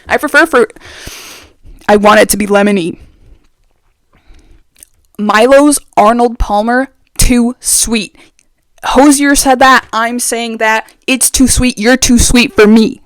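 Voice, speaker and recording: With a voice on the high side, this young woman vlogs in a casual, strongly opinionated chat loaded with fillers. The mic sits very close, and no room sound comes through.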